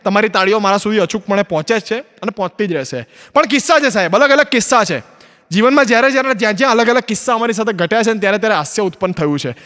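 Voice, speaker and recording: A man doing stand-up comedy in a large hall, his voice ringing out with a long echo. He talks quickly and sits high in his range, switching between himself and the other people in his stories as he tells them. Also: a bit bright. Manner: acts out both sides of dialogues in his stories. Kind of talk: stand-up storytelling on stage. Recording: long hall reverb from an auditorium.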